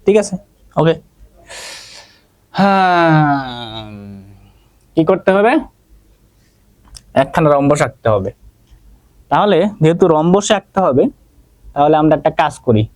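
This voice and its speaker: Chatty Bangladeshi math teacher, dry close mic. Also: male voice, a little high, animated, moderate pace, pauses often, darkish tone, dry recording. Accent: Bangladeshi Bengali. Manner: checks in constantly with "ঠিক আছে?", asks and answers own questions; jokes with students by name. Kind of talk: online class lecture.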